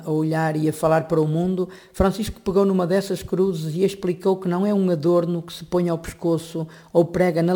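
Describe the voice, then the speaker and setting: A man reads a religious commentary for radio in a calm, measured way. His voice sits a little high and sounds mellow and warm. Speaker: priest commentator.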